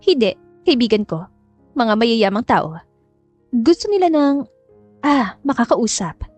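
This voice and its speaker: A woman's voice: a little high, very animated, a little slow, darkish tone, dry recording, faint music behind. A woman voicing a cold, manipulative mother who gives curt orders and coaxes her daughter. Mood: coaxing commands. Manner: curt, commanding, coaxing. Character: cold, scheming, chain-smoking mother.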